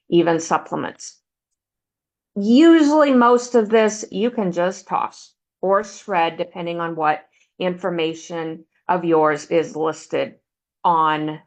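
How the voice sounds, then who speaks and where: A woman presenting a benefits counseling webinar, walking listeners through slides in a steady, explanatory way. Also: fairly low pitch. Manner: explanatory, steady, uses "um" fillers.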